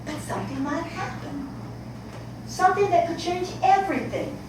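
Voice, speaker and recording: An actress plays an aging, desperate mother on stage, her high voice leaping wildly as she pleads with her daughter. The sound carries from far off in an echoey hall with background noise. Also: sing-song, normal speed. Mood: pleading. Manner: pleading, emotional outbursts. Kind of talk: stage play acting.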